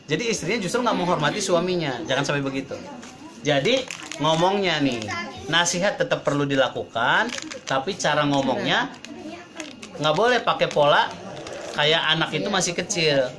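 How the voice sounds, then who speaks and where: A man's voice: fairly high pitch, expressive, moderate pace. Chatty male parenting trainer before a crowd. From Indonesia. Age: 30s. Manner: chatty, acts out quoted parents in a raised voice. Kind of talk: casual talk to a live audience. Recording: crowd heard around the speaker. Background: audience murmurs and laughs.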